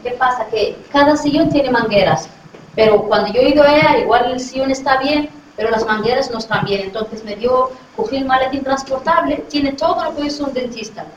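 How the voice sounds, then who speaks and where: A middle-aged dentist from Western Sahara talks to a class of children, friendly and asking questions along the way to check they're following. Her voice is high-pitched and brisk, with slight background noise. The recording is very echoey, distant from the mic, and dull and lo-fi.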